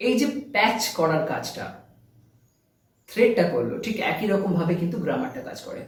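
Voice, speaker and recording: High-voiced Bengali teacher in a boomy room. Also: male voice, big pitch swings, recorded from a distance. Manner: slow, stressed English phrases mixed with quick Bengali explanations. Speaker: English teacher. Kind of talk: spoken English lesson on video. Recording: very echoey room, voice set back from the mic.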